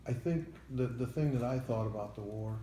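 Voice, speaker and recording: An older American man, a veteran in an interview, remembering his army days in a halting, plain-spoken way. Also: medium pitch, mellow. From United States. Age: 70s or older. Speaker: Vietnam-era army veteran being interviewed. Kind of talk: veteran interview, recalling memories. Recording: echoey room, faint background noise.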